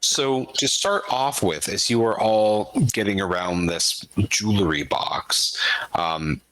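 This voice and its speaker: A man with a lowish, crisp-edged bright voice acts as game master. He improvises descriptive narration and explains the game to his players. The sound is dry and close. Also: slow, dry recording, low-quality recording.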